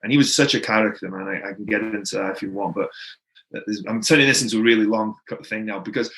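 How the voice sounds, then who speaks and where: Speaking quickly in a lowish, creaky, slightly bright voice, a native Welsh-speaking man with a Welsh accent tells his story on a podcast. His delivery is casual and rambling, packed with fillers like "like" and "right?". The recording quality is rough.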